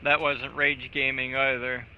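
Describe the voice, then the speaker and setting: This gamer talks at a measured pace in a medium voice that barely moves in pitch, tossing out crude, offhand jokes during a casual livestream. Game music plays under his dull, lo-fi microphone.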